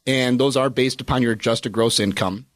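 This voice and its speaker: A man's voice: medium pitch, steady tone, normal speed, fairly bright tone, slight background noise. A man, a financial advisor on a radio talk show, explaining retirement planning in a casual, explanatory way with many fillers.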